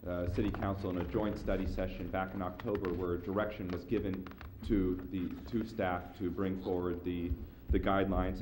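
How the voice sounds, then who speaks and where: A city planning staff member with a low voice introduces an item at a public meeting, against background noise. Losing his voice to a cold, he stays upbeat but speaks haltingly, stumbling over repeated words.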